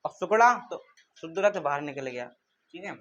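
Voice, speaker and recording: High-voiced man drilling a lesson. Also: lively intonation, brisk, muffled recording. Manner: repeats questions and answers them himself; drills terms in call-and-response rhythm. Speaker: teacher. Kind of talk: classroom lecture.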